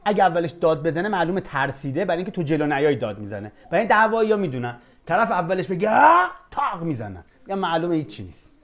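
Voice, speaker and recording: A man teaching a Quran class in a relaxed, conversational way, slowing down to recite Arabic verses. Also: a little high. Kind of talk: informal religious lesson.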